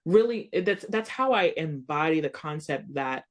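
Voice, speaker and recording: A woman from the United States, a coach and founder, talking as a guest in a casual podcast interview, animated and earnest, full of "like" and "you know". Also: sits low, moderate pace. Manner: earnest, emphatic, speeds up in bursts.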